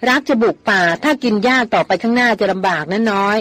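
A woman reader voicing a patient older brother who calmly explains and gently worries. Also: on the high side, fast talker, no echo. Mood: worried. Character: patient older brother, steady young man.

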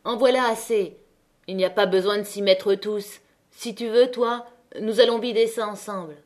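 A woman's voice: mid-range voice, fairly even intonation, moderate pace, a little mellow, close to an everyday voice. A woman reading aloud voices a young male miner leader, speaking in a hard, commanding tone.

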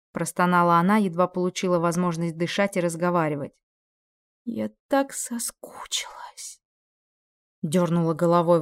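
A woman narrating a dramatic fantasy audiobook expressively, acting out the dialogue. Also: lowish voice. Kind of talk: dramatic fiction reading.

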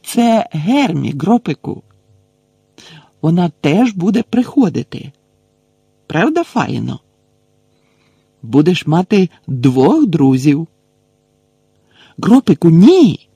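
A hulking, soft-hearted half-giant, as a male narrator puts him on, calling out loudly in a raised, gravelly voice. He coaxes and scolds in homely, folksy speech. It is a storybook reading in a dry, close sound. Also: fairly high pitch, big pitch swings, takes it slowly, pauses often, no room sound, pitched above the performer's own voice, heavily acted. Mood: coaxing. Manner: loud coaxing shouts, folksy speech. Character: huge gentle half-giant man, gruff, fussing.

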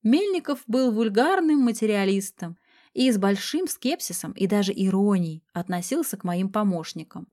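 A woman narrating a detective audiobook in the first person with a lively, conversational reading. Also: medium pitch, normal speed.

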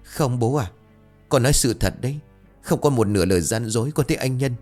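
A man's voice: mid-range voice, lively intonation, brisk, darkish tone, faint music behind, voice pushed up, natural voice. A man voicing a frightened younger son who earnestly insists he saw his dead brother, in a narrated ghost story.

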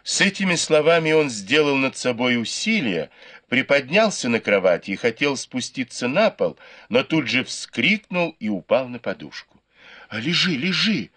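A man narrating a classic novel as an audiobook, in measured storytelling. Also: mid-range voice, very animated, fairly bright tone, dry recording. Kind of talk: scripted narration.

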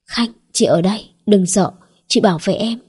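A woman reading an audiobook, voicing a gentle young woman who soothes her little brother in a soft voice. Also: mid-range voice, normal speed, husky. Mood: soothing. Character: gentle protective young woman, older sister.

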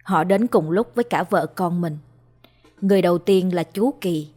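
A woman tells a ghost story in a calm, measured voice. Her pitch sits on the low side. Faint background music runs beneath the narration.

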